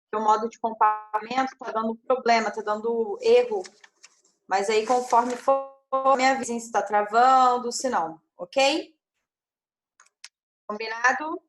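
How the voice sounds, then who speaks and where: A woman's voice: a little high, fairly even intonation, measured pace, faint music behind. A woman teaching an English grammar class online over a video call, explaining step by step and checking in with frequent tag questions.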